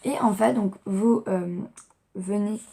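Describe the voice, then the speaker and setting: A woman's voice: mid-range voice, takes it slowly, creaky, mellow. A young woman chatting casually as she unboxes gifts in a home vlog, rambling with lots of fillers. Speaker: vlogger.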